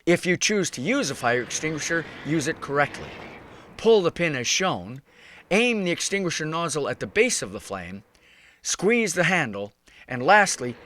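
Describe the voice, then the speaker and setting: A man narrates a scripted instructional piece. His voice sits a little higher than most men's. The delivery is measured and instructive throughout. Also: sing-song, a bit bright, a little hiss or hum. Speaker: safety video narrator.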